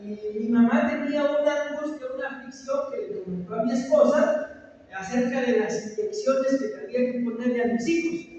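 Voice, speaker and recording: High-voiced pastor preaching in an echoey hall. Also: male voice, moderate pace, dark tone. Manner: calls for amens, preaching with rising emphasis. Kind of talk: sermon. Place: church hall. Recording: echoey hall, voice from far off, dull sound.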